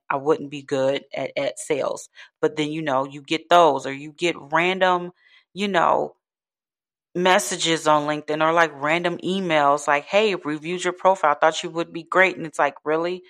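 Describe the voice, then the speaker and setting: A woman's voice: sits low, unhurried, a bit bright. A young adult woman venting in a casual monologue, blunt and frustrated, swearing freely. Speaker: vlogger.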